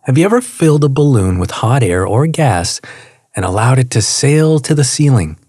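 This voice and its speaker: A man voicing a calm, wise male seminar coach who speaks in a measured, knowing way. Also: medium pitch, husky, no echo, clean studio sound. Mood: gentle, knowing. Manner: measured, knowing, pauses for effect.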